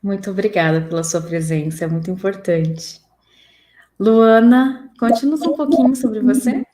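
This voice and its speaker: A woman's voice: mid-range voice, moderate pace, warm tone. A woman hosting a live panel, speaking semi-spontaneously. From São José do Rio Preto, Brazil. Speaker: live-stream host.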